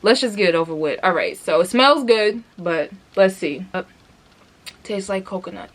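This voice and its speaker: A woman's voice: medium pitch, expressive, normal speed. A woman giving a casual product review vlog, chatty and rambling with lots of fillers, talking straight to her viewers and asking them questions. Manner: addresses viewers directly, asks many questions.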